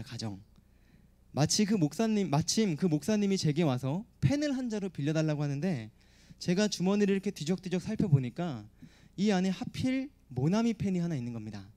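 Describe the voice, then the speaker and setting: A man's voice: on the high side, dark tone. A man preaching a youth sermon, explaining with everyday stories and pointed rhetorical questions.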